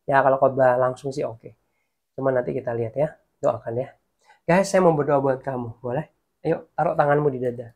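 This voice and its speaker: Gravelly-voiced male preacher, animated. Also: mid-range voice, brisk. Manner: lively preaching, swells loud in prayer. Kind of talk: online sermon and prayer.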